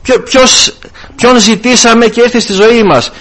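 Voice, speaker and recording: A man preaching an evangelical sermon, calling out to his brothers and swinging his voice up and down for emphasis. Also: a bit bright. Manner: repeatedly addresses "brothers", rises and drops in pitch for emphasis.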